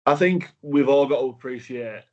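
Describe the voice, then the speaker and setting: A man with a northern English accent hosts a relaxed podcast chat. He talks easily and keeps turning questions over to guests. The sound is a bit muffled and lo-fi. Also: mid-range voice, moderate pace. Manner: chatty, hands questions to guests. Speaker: podcast host. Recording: dull lo-fi audio.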